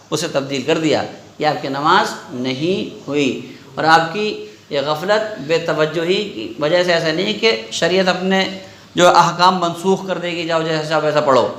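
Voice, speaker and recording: A man's voice: on the high side, gravelly, a bit bright. Man teaching Quran recitation in echoey room. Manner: drills students with repeated questions, draws out letter sounds. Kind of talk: call-and-response tajweed lesson.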